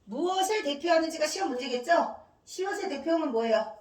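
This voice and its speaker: In an echoey room with the mic set at a distance, a woman teacher gives a classroom grammar lecture, quizzing the class and supplying the answers herself as she drills letters one at a time. Her voice sits high and sounds animated and brisk, carrying a faint hiss or hum.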